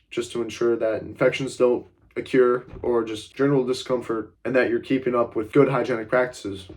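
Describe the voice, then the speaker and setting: A young adult self-improvement vlogger with a stuffy, congested, slightly mellow voice of ordinary middle pitch talks directly to his camera. He rambles through advice with lots of "like" and "uh," staying blunt and occasionally swearing.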